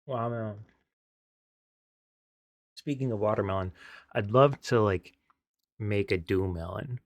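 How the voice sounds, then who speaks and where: A man's voice: fairly low pitch, a little slow, dry recording. A man co-hosting a podcast in casual chat, giggly and sheepish, often trailing off mid-thought. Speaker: podcast co-host.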